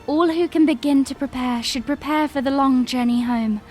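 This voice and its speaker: A woman plays a young fantasy princess with a high voice. She speaks in stately, earnest phrases, like a resolute leader in an audio drama, with music beneath her. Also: normal speed, a little mellow, natural voice. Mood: solemn, proclaiming. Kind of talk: fan audio drama acting, formal oratory.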